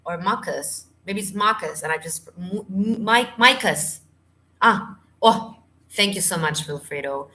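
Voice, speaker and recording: A woman's voice: fairly low pitch, moderate pace, bright, forceful tone. A woman vocal coach, tired, chatting through a live Q&A and hunting for English words. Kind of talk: live stream Q&A. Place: home.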